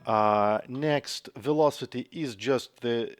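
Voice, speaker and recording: A man explaining music software step by step in a tutorial, with frequent pauses and fillers. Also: mid-range voice. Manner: slow, methodical explaining with frequent uhs. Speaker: software developer demonstrating a plugin. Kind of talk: screen-recorded tutorial. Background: guitar samples playing from the software.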